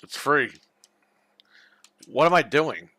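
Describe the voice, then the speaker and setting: Bright-voiced profane man chatting. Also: medium pitch, animated, slow, dry recording. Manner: blunt, profane, reads chat messages aloud. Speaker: podcast co-host. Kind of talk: casual livestream chat.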